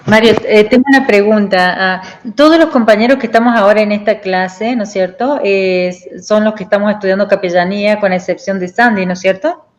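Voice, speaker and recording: A woman's voice: mid-range voice, fairly quick. A woman student in an online class discussion, chatty and full of tag questions.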